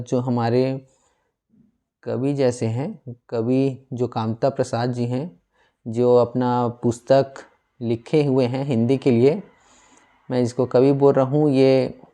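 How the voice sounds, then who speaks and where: A young man gives a classroom-style grammar lesson in a mellow, dark voice. He often asks a question and then answers it himself, repeating key words so they stick. His pitch sits in an ordinary middle range. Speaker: Hindi grammar teacher. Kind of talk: classroom lecture.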